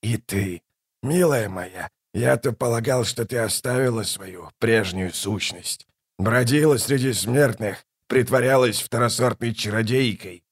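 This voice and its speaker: A man voicing a scornful ancient tyrant king in a dramatized audiobook, contemptuous and rising to furious shouts. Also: medium pitch. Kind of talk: audiobook reading with character voices.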